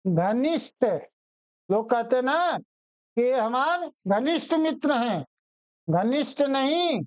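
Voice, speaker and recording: A woman's voice: sits high, lively intonation. A woman teaching a Hindi exam-prep class, saying each word again and again as she drills spellings and speaks straight to her students. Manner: repeats each word slowly, drawing it out; addresses students directly, plain chalk-talk tone.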